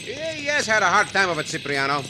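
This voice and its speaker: A man's voice: high voice, sing-song, fast talker, over music. A man playing a gallant, confident Mexican cowboy hero, courteous and commanding, in an old-time Western drama. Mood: friendly, steady.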